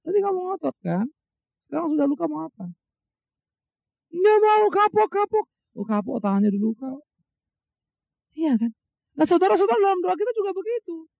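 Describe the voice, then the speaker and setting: Preaching with emphasis, this middle-aged male pastor has an extremely high, sing-song, gravelly voice, talking fast but leaving long pauses. He fires off rhetorical questions he answers himself, addresses the congregation as brothers and sisters, and drops colloquial asides. Sound is muffled, somewhat lo-fi, and dry, with no room sound.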